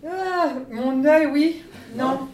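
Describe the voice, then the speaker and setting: A woman's voice: sits high, very slow, crowd noise. A woman teacher answering interview questions in a chatty, teasing way, laughing often. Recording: echoey room, distant mic, faint noise.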